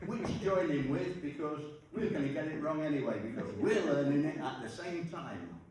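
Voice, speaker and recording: A man's voice: fairly high pitch, expressive, normal speed. A man co-presenting a talk, making teasing, wry asides. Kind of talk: casual joking asides. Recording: echoey hall, distant mic, background noise.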